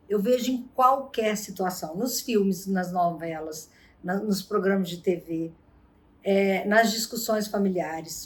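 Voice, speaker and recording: A woman hosting a vlog and giving advice on arguments, telling stories with lively acted-out quotes. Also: medium pitch. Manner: animated storyteller, acts out quotes. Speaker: vlog host and relationship advisor. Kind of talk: casual advice talk.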